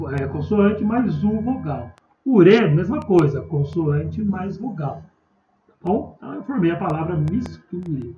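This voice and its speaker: A man with a Brazilian Portuguese accent teaching a remote class, slowly spelling out examples and checking in often with his students. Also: fairly high pitch, warm tone. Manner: patient, slow spelling-out with frequent "tá?" check-ins. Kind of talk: recorded remote class lesson. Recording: dull echoey room, far from mic, faint noise.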